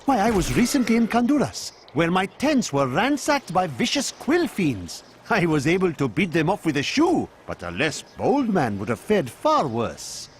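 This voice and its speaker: A man's voice: sits high, wildly swooping pitch, moderate pace, hardly any pauses, a little hiss or hum. An actor playing a boastful, self-important male adventurer and scholar reading his journal aloud in a video game.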